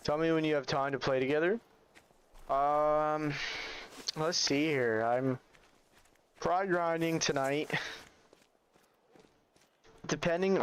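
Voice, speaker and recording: This streamer, a man in his 20s, has a smooth, mid-range voice. He hangs out with his livestream chat during a hunting game, casually reading and responding to viewers in a relaxed, talkative manner.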